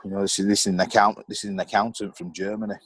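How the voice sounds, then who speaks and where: A man's voice: lowish voice, flat delivery, very fast, no room sound, poor audio. A middle-aged man, a former footballer and board member, candidly telling stories as a podcast guest, rambling with lots of ums and you knows.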